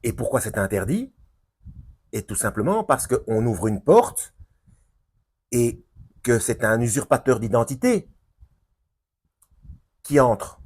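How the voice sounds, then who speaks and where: A man's voice: medium pitch, big pitch swings, slow, long pauses, darkish tone, slightly rough. A man giving an unscripted Bible teaching for his video channel, hesitant with many fillers and restarts, rising into emphatic points.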